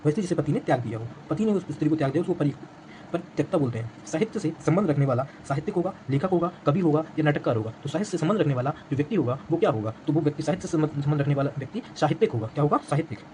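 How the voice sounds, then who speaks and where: Guy rattling thru a grammar lesson super fast, kinda high voice, keeps asking "what's it called?". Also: expressive, warm tone, a little hiss or hum. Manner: rapid, repeats each answer as a quiz question. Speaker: teacher. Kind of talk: exam prep lesson.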